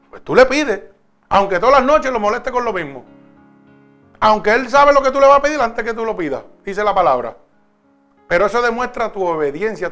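Man, high voice, preaching, drawn-out emphatic phrases, soft music underneath. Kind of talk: sermon.

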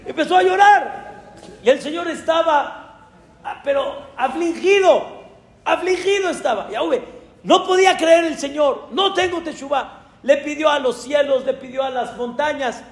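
High-voiced Mexican rabbi, unhurried sermon. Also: male voice, echoey room, long reverb tail. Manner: animated, dramatic exclamations. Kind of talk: sermon storytelling.

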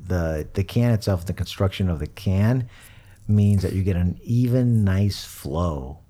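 Male hobby podcaster, deep and mellow, informal, easygoing, a bit jokey. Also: lively intonation, a little slow. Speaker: podcast host. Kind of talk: casual hobby chat.

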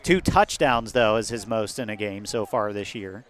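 A man with an American accent doing live football play-by-play outdoors atop a windy press box, lifting into excitement on big plays. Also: lowish voice, normal speed. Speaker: play-by-play sports announcer. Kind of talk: live American football radio-style commentary. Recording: windy outdoor stadium broadcast.

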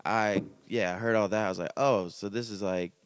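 A young man from the Raleigh area speaks with a lowish voice in a laid-back, meandering way, full of fillers. The sound is dry and close to the mic, typical of a podcast studio. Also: fairly even intonation, fairly quick, clean tone, dry recording. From Raleigh area, North Carolina. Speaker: rapper guest. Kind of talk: casual interview chat.

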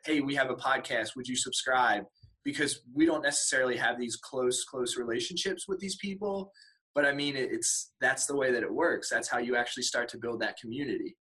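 A man's voice: medium pitch, a little fast, sharp tone, poor audio. A young man co-hosting a podcast, speaking earnestly and explaining his thinking in casual chat. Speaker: podcast co-host.

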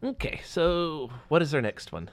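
A man co-hosting a casual podcast, easygoing and rambling, thinking out loud as he talks. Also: on the high side, expressive, a little slow. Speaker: podcast co-host. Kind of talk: casual chat.

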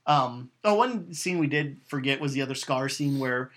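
A man chatting casually as he retells a film's plot in an animated way, with lots of um fillers and acted-out lines of dialogue. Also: medium pitch, moderate pace. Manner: animated storytelling, acting out quotes, frequent "um" fillers. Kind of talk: casual chat retelling a film.

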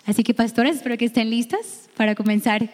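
A woman's voice: on the high side, quick pace, a little mellow, long reverb tail. A woman co-host introducing the talk and encouraging the pastors. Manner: encouraging, affirming.

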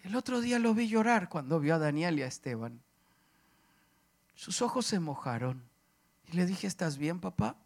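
A middle-aged man preaching a sermon, impassioned, swinging from loud declarations to hushed, emotional speech. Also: fairly high pitch, animated, normal speed, long pauses.

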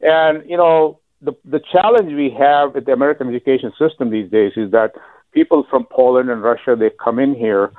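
A man's voice: mid-range voice, a little fast, no room sound. A man from Minnesota calling in to a radio show, a teacher talking in a friendly, rambling way. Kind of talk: phone-in chat. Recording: dry tinny phone line.

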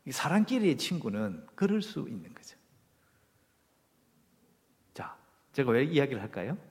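Animated male pastor preaching. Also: medium pitch, moderate pace. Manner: emphatic, asks the congregation rhetorical questions. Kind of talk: Sunday sermon. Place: church sanctuary. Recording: long reverb of a church hall.

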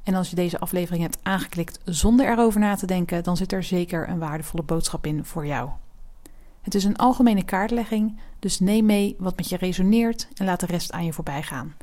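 A woman hosting a tarot podcast, narrating in a calm, measured way and addressing the listener directly. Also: fairly low pitch. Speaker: podcast host and tarot reader. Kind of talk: scripted spiritual podcast narration.

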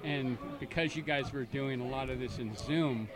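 A man's voice: mid-range voice, normal speed, recorded from a distance, crowd noise. A man from Canada interviewing filmmakers, joking and stammering through his questions. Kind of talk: casual interview.

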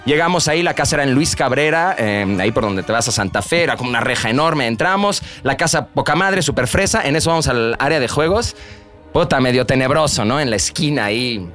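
Among friends, a young Mexican man tells a story packed with slang, animatedly acting out the voices of the people in it. He talks a little fast at a mid-range pitch, with soft music playing behind him.

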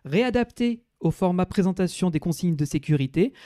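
Mellow-voiced man describing a ride. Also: sits high, expressive, fairly quick, no echo, studio quality. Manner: descriptive, hesitant with fillers. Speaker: podcast co-host. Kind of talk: casual podcast discussion.

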